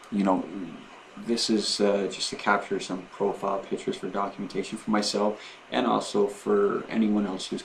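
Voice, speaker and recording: A man talking casually and unscripted to his vlog viewers, in a halting, rambling way with repeated and restarted phrases. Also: low-pitched, vocal fry, slight background noise, low-quality recording. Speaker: vlogger documenting his own surgery preparation.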